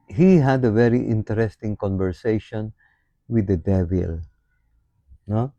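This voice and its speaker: Slow, deep-toned priest preaching. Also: male voice, warm tone, dry recording. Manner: unhurried, with frequent tag questions; mixes Tagalog and English. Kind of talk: homily. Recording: dull, lo-fi sound.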